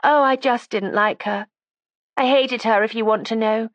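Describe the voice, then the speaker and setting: A woman's voice: fairly high pitch, steady tone, moderate pace, no room sound, voice pushed up, natural voice. A woman reading an audiobook, voicing a resentful, defiant young woman with a sarcastic, combative edge. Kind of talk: audiobook character voice.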